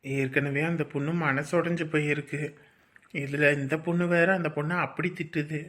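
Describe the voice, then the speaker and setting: A man's voice: a little high, level tone, moderate pace, a bit bright, lightly acted. A man playing a nosy well-meaning young man. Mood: pleading. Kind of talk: web series acting.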